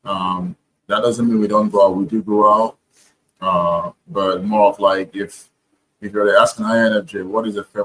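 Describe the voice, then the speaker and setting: A man's voice: lowish voice, a bit bright, husky, low-quality recording. A man talking casually to camera, earnest and reflective, with frequent hesitations and restarts. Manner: hesitant, many ums and restarts. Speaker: vlogger.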